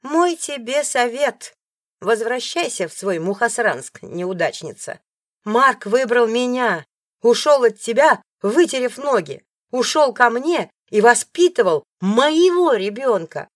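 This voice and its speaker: A woman voicing a rude, bossy young wife who yells in a loud, shrill voice, in an audiobook. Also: very animated, extremely slow, few pauses, husky, no echo, clean studio sound, full character voice. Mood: sneering. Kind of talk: audiobook character voice.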